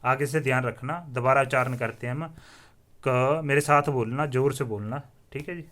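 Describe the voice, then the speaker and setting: A man teaching the alphabet in a slow classroom style, sounding out letters one by one and asking listeners to repeat after him. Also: mid-range voice, steady tone, fairly bright tone. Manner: drills letters aloud and asks viewers to repeat; often says "theek hai ji" as a filler. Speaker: Hindi teacher.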